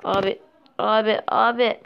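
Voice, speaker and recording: A woman's voice: mid-range voice, little pitch movement, unhurried, vocal fry, clean tone. A young woman giving casual commentary while playing a mobile game, chatty and easily exasperated as she talks to her viewers. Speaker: mobile gameplay vlogger. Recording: dull lo-fi sound with faint noise.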